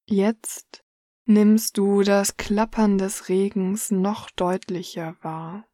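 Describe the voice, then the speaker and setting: A woman reading a guided relaxation story in the second person, soft and hushed. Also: mid-range voice, flat delivery, extremely slow, no echo, clean studio sound.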